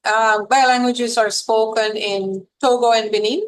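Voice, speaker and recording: A woman academic explains a subject as a podcast guest. Her voice sits slightly high, and she talks in a measured, lecture-like way, with small fillers between points. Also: steady tone, a little hiss or hum, poor audio. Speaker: linguistics professor and guest. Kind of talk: explanatory interview talk.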